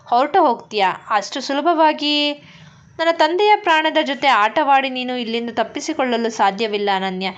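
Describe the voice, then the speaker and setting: A woman voicing a cruel, furious young rich man who shouts scornful threats. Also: high voice, lively intonation, normal speed, highs cut off.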